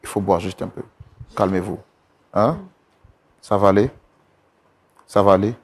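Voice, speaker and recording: Calm man mediating a confrontation. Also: low voice, a little slow, breathy edge. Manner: calm, soothing, formal address. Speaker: show host and mediator.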